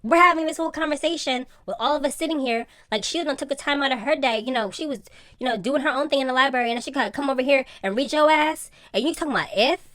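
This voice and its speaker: A woman recapping reality TV in a sassy, gossipy way, full of slang and attitude. Her voice sits a bit high. The sound is dry and close, with no room echo. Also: fast, fairly bright tone. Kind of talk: casual commentary.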